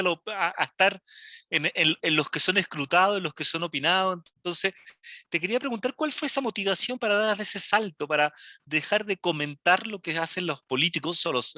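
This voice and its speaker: A man's voice: high voice, pushed and bright, no room sound, clean studio sound. A man hosting an interview, searching for words and rephrasing his questions as he goes. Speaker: interviewer, host.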